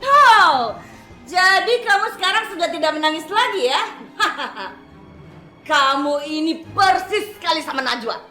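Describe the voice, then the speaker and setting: A woman's voice: high voice, expressive, a little slow, bright, forceful tone, reverberant, faint music behind, exaggerated voice. A woman dubbing a scornful, scheming middle-aged mother in a TV drama, accusing and insistent. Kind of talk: dubbed TV drama.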